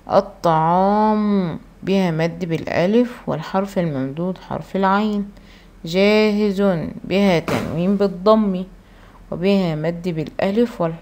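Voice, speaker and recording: A woman teacher with an Egyptian Arabic accent, giving a primary school language lesson. She reads each word slowly and drawn out, then explains quickly and asks the pupils questions. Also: lowish voice, a little mellow. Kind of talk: recorded classroom lesson.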